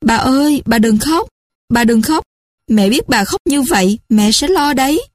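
A woman's voice: medium pitch, unhurried, darkish tone, no room sound, clean studio sound, close to an everyday voice. A woman voicing a young boy, an eager and caring grandson, who speaks in an earnest, urgent way in a storybook reading.

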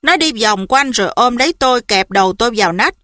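Expressive woman audiobook narrator, bright tone, close and dry. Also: on the high side, fast talker, dry recording. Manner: lively, expressive first-person narration. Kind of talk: storybook narration.

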